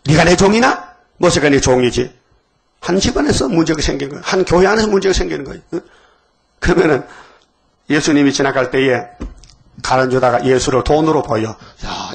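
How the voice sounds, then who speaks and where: A male pastor preaching a dawn sermon, questioning the congregation and acting out biblical voices. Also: fairly high pitch.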